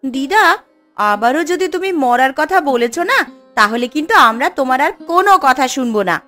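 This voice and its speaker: A caring young woman in a cartoon, as a woman voices her, coaxing her grandmother and bossing her sleepy sisters awake. Her voice is high and lively, with faint music behind. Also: a little fast. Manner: pleading, coaxing, bossy with sisters. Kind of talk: animated cartoon voice acting.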